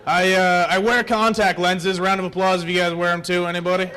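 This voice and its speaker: A man's voice: high-pitched, flat delivery, brisk, noisy background. A young man doing a rambling, profane, self-deprecating stand-up set on a comedy club stage.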